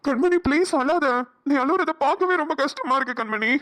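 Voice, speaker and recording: A woman with a high, expressive, slightly bright voice plays Karthik, a caring young man and gentle, supportive friend in a cartoon drama. At normal speed, she speaks in a soothing, coaxing, earnest way.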